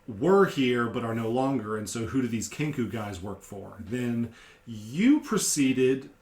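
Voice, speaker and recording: A man's voice: medium pitch, expressive, a little slow, darkish tone. Echoey-sounding man recapping a tabletop game. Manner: explanatory, retelling events step by step. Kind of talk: casual recap conversation. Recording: echoey room.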